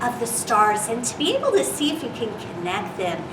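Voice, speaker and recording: A woman reading a picture book aloud to young children as a storytime host, expressive and deliberate, stretching key words. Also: fairly high pitch. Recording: roomy, distant microphone, clear background noise.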